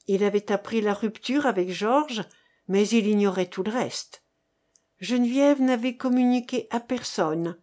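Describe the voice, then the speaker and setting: Woman reading a novel out loud, slow and mellow, measured, a bit high pitched. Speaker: narrator. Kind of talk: scripted narration of a novel.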